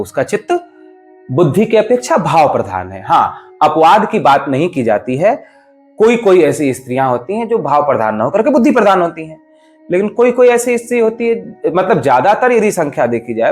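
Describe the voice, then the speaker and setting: A man, a spiritual teacher, giving a devotional discourse in an emphatic, explanatory way. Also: a little high. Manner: emphatic, explanatory, rises and falls sharply for stress.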